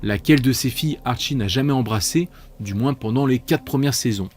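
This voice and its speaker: A man's voice: mid-range voice, fairly quick, darkish tone, soft background music. A man hosting a multiple-choice quiz, reading out questions and options with playful, chatty asides. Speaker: quiz host.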